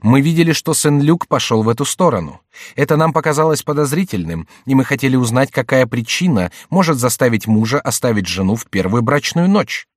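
Man reading as a wary young noble, pitched up, dry close read. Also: lively intonation, a little fast, no room sound, natural voice. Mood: respectful. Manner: questioning, respectful. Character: suspicious young nobleman, sly and quick.

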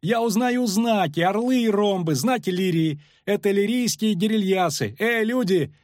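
Excitable poet voiced by a male narrator: raised, high, eager voice, lively and a touch husky. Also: a little slow, no room sound, studio quality, exaggerated voice. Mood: agitated. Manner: loud, eager, shouting.

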